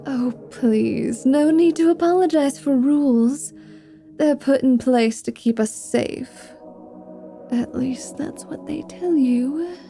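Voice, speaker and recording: A woman with a high, gravelly yet mellow voice speaks slowly in an exaggerated style, soft music underneath. She's voicing an irreverent, flirtatious vampire masquerading as a pious paladin for an ASMR drama, her false devotion laced with teasing and sarcasm.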